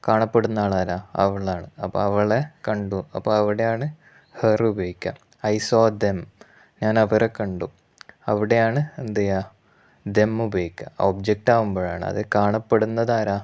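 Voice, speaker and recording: A man with a Malayali accent teaching an English grammar lesson, explaining patiently, repeating points and correcting himself, and reading example sentences very slowly. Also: lowish voice, a little mellow. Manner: slow, repetitive explaining with self-corrections.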